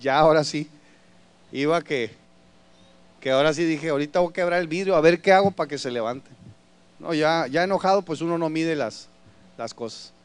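Male pastor, animated storyteller, high and resonant, preaching to the brethren. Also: moderate pace, long pauses, clean tone. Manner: animated storyteller addressing the congregation as brothers. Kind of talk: sermon.

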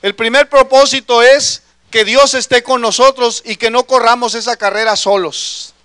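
A man's voice: very high-pitched, steady tone, moderate pace, bright, forceful tone, smooth, no echo. A man preaching a sermon in an earnest way, calling his listeners brother.

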